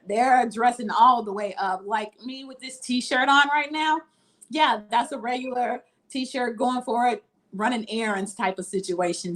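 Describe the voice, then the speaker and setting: A woman from Mississippi, a boutique owner, talking casually in an interview over a video call with frequent ums. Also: fairly high pitch.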